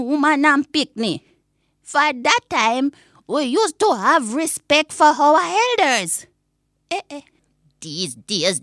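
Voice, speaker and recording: A woman playing an indignant elderly Jamaican granny in a comic Patois monologue, grumbling with drawn-out words and exclamations. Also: fairly high pitch, fairly bright tone, no room sound, clean studio sound. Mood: nostalgic, aggrieved. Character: indignant elderly Jamaican granny, complaining about modern youth.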